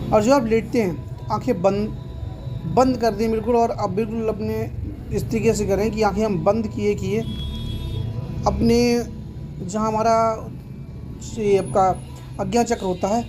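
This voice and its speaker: A man teaching meditation in an earnest, explanatory way, often repeating himself. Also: high voice. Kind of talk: instructional talk to camera.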